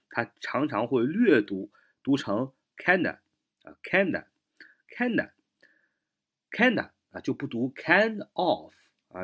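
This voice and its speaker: Chinese-speaking guy teaching english, voice goes up and down a lot, says phrases over and over. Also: fairly low pitch. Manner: lively, repeats English phrases slowly and spells them out. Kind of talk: spoken English lesson.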